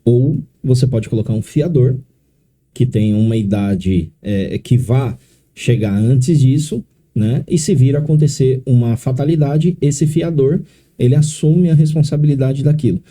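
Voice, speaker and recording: Dark-voiced man from São Paulo. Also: medium pitch, measured pace. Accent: São Paulo Portuguese. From São Paulo, Brazil. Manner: explains step by step, often adding tag questions. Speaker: consórcio specialist guest. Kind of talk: explanatory podcast interview.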